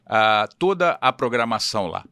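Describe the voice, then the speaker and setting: A man's voice: on the low side, very animated, moderate pace, pushed and bright, dry recording, clean studio sound. A man with a Brazilian Portuguese accent hosting an interview, prompting his guest with short questions. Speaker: interview host. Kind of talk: casual interview chat.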